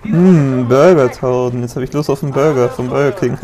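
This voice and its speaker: A young man casually commenting on his gameplay, chatting, joking and yelling at the game now and then. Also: mid-range voice, moderate pace. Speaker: let's play gamer.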